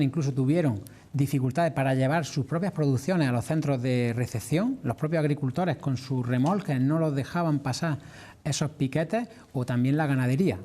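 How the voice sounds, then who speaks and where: Male interviewee, Andalusian accent, farming spokesman. Mellow mid-pitched voice, measured and explanatory. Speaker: farmers' organisation representative being interviewed. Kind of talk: formal broadcast interview answers.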